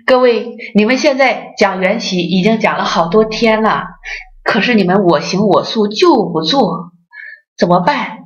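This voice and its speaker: A woman's voice: medium pitch, animated, unhurried. A middle-aged woman giving a Buddhist dharma talk as an association president. She tells stories, acts out the voices she quotes and speaks straight to her listeners. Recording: dull lo-fi recording.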